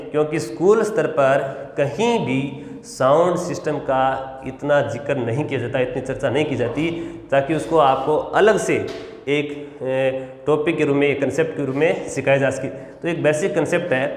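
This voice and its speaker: Guy teaching a class, kinda high voice, asks then answers himself, big echoey room. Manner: explains step by step, asks and answers his own questions. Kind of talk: classroom lesson. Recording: echoey room with long reverb.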